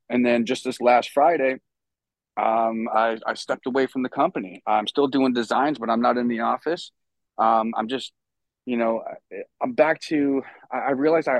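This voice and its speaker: A man's voice: mid-range voice, no room sound, low-quality recording. A man from New York, a guest on a podcast, telling stories in a loose, rambling way with lots of fillers and casual swearing. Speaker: podcast guest, stagehand and musician. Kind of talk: casual storytelling chat.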